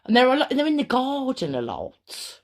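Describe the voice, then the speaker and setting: Chatty woman with a lively voice. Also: high-pitched, normal speed. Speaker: podcast co-host. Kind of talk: casual chat.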